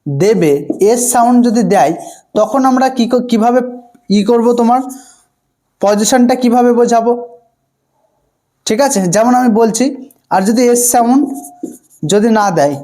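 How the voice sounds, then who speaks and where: A man's voice: very high voice, moderate pace, long pauses, mellow. A man teaching an online grammar lesson, repeating each point and often asking his students if they follow. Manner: asks questions and answers them himself.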